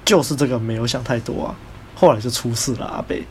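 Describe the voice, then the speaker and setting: A quick, animated man with a Taiwanese Mandarin accent, casually recounting a story as a podcast host. He slips into voices for the people he quotes, and his voice sits in a mid range over a faint hiss of room ambience. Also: medium pitch.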